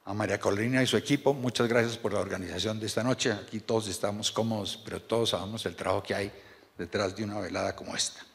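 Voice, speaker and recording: A man, reading a measured and earnest formal speech from notes at a podium microphone in a large banquet hall. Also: on the low side, fairly even intonation, vocal fry. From Colombia. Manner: measured and earnest, reads from paper with small restarts. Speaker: board chairman giving a speech. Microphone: podium microphone on a stand.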